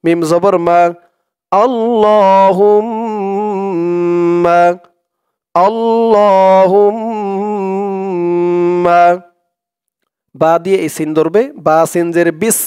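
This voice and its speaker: A man with a Bangladeshi accent teaches Arabic prayers. He spells out the syllables quickly, then chants the whole words slowly. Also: on the high side, fairly even intonation, a little mellow, clear, resonant tone, dry recording, clean studio sound. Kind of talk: spelled-out recitation lesson.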